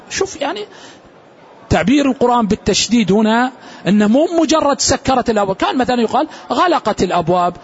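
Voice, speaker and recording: A man giving a Quran exegesis lesson, explaining and reciting verse readings slowly. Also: high-pitched, slightly rough, lo-fi sound. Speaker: Quran teacher.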